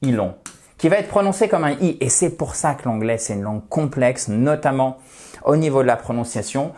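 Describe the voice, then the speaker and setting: A French-speaking man teaching English pronunciation in an expressive, animated way. His pitch rises and falls freely as he stretches out example words to show their stress. A middle-aged teacher with a steady, mid-range voice. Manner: lively, expressive, demonstrates English words with careful, drawn-out stress. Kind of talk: pronunciation lesson.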